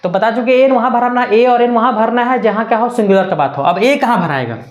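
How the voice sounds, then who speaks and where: A woman's voice: a little high, a little fast, reverberant, muffled recording. A woman teaching a beginners' grammar lesson, repeating points and checking in often. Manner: repetitive, keeps checking with "na". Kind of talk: classroom lesson.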